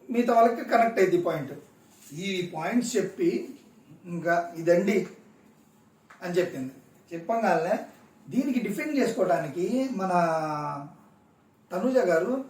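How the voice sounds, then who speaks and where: High-voiced man, echoey room. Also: a little mellow, recorded from a distance. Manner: emphatic, repeats points for stress. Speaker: reality-show reviewer. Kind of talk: casual recap commentary.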